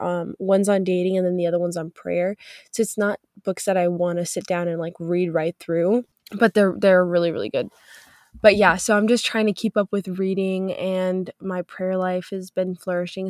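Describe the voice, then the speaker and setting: A lowish, slightly mellow female voice, captured in a clean studio without echo. She's a young faith podcast host with a cold that makes her sound stuffy, keeping the chat upbeat and loose with lots of fillers.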